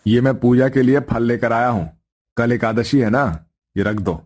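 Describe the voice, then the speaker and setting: A man voicing a calm young husband in a cartoon story, speaking softly and low. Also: normal speed, natural voice. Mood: plain.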